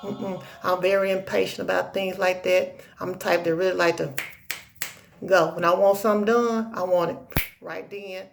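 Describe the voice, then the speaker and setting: A woman with a deep Southern US accent chatting casually to her viewers in a folksy, sassy, self-assured country way. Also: level tone, normal speed, gravelly, slight background noise. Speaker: hair tutorial vlogger.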